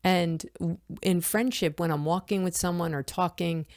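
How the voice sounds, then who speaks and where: A woman hosting a reflective podcast, her voice low and gravelly. She speaks earnestly as a yoga teacher, recorded close and dry. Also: fairly even intonation, moderate pace, darkish tone, no room sound. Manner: earnest, addresses listeners as "my friends".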